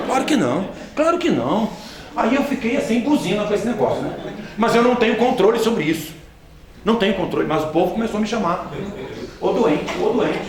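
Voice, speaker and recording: A man, a missionary giving a church training talk with humorous anecdotes, joking and asking the audience questions directly. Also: high voice. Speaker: missionary speaker. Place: large hall with a live audience. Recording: echoey hall from far off, audience audible.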